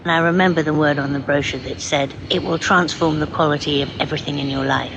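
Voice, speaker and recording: A woman's voice: low voice, fairly even intonation, fast talker, noisy background. A woman from London telling her story in a heartfelt, direct way. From London, England. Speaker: mother, course graduate. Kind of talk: testimonial interview.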